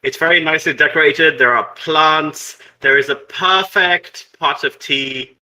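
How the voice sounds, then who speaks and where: A man runs a tabletop game as its game master. He narrates in a loose, rambling way with plenty of hesitant fillers. His tone is tense and very bright. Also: a little high, measured pace, low-quality recording.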